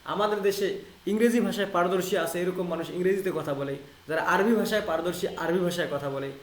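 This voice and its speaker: High-voiced Bangladeshi male lecturer. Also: roomy sound. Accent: Bangladeshi Bengali, Rangpur. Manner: explains English terms in Bengali, repeats key phrases; reads English text slowly and deliberately. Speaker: English literature teacher. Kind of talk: online lecture.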